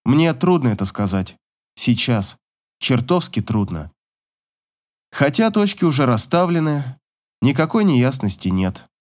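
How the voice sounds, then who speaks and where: A man narrating a first-person story in a steady, measured reading voice. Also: mid-range voice. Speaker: audiobook reader.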